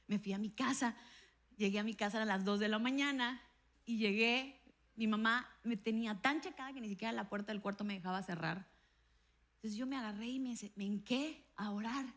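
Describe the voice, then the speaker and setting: Woman pastor, sermon, bright voice, fairly high pitch, lively storyteller. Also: fairly quick. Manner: animated storytelling, acts out dialogue with a raised voice. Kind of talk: sermon with personal testimony.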